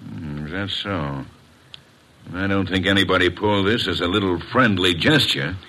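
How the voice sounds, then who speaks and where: A man's voice: low voice, normal speed, bright, forceful tone. A man playing a blunt, sardonic, impatient homicide inspector in an old radio drama. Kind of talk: 1950s radio detective drama acting.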